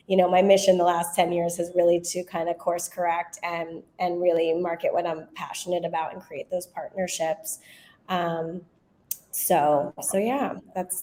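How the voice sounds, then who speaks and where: A middle-aged woman talks earnestly on a webinar panel, her lowish voice staying flat in pitch. She fills pauses with ums. The sound is roomy and echoey over a video call. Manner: earnest, filler-heavy. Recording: echoey room.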